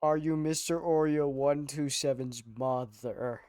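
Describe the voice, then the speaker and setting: A man streaming live, asking questions in a deadpan interviewer tone. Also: on the high side, measured pace, dry recording, clean studio sound.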